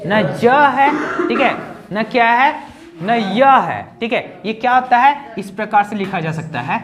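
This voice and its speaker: A woman's voice: a little high, lively intonation, a little slow, crowd noise. A woman teaching English pronunciation in Hindi, repeating each word and quizzing the listener with rhetorical questions. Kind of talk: Hindi-language pronunciation lesson.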